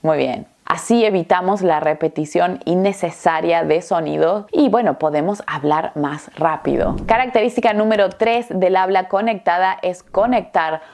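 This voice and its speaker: Lady teacher, lowish voice, patient, says the examples over and over. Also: darkish tone. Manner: clear, patient, repeats example phrases slowly then quickly. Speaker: Spanish teacher. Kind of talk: language lesson.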